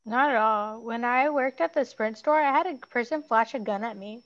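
A woman guest on a podcast, telling her work stories briskly and acting out what people said. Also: a little high, muffled recording. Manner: brisk storyteller, acts out quotes. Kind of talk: casual chat.

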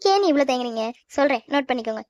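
A woman's voice: sits high, expressive, racing, darkish tone, no echo, clean studio sound. A woman voicing a carefree young sister-in-law in a cartoon. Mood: hurried.

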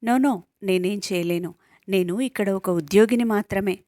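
A woman's voice: medium pitch, moderate pace, dark tone, no echo, studio quality, close to an everyday voice. A woman voicing a firm, businesslike female hospital nurse in a storybook reading. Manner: firm, matter-of-fact.

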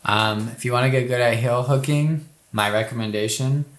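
A man's voice: mid-range voice, normal speed, a bit bright, echoey room. A man casually breaking down climbing footage as co-host, talking in a loose, rambling way with many restarts.

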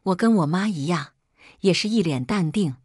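Woman, scripted story narration, dramatic, animated pitch, dry close recording. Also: normal speed, husky, no echo.

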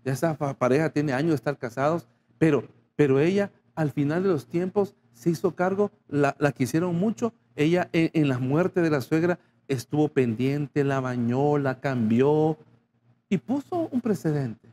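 A man's voice: on the high side, animated, normal speed, a little mellow, a little hiss or hum. A male pastor preaching a sermon, speaking straight to the congregation and acting out short dialogues. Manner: addresses the congregation directly, acting out little dialogues.

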